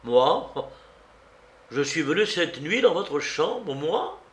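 A man's voice: medium pitch, wildly swooping pitch, slow, fairly bright tone, exaggerated voice. A man voicing a defiant priest who answers curtly and brazenly in an audiobook reading. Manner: curt, defiant. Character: brazen, curt male priest secretary.

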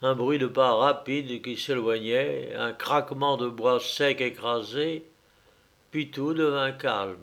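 Slow, measured male storyteller. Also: mid-range voice, gravelly, fairly bright tone. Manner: measured, deliberate reading. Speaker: narrator. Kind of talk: storybook narration.

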